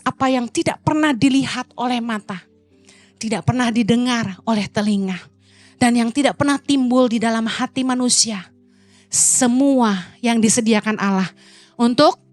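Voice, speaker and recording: A woman's voice: a little high, no room sound. A middle-aged woman pastor, preaching a playful sermon and acting out the voices she quotes.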